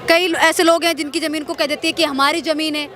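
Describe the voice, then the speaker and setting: A woman's voice: high-pitched, steady tone, fast talker, fairly bright tone, a faint crowd. A woman reporter questioning a man on the street, pressing him with the allegations people make. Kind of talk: vox pop questioning. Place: outdoors on a city street.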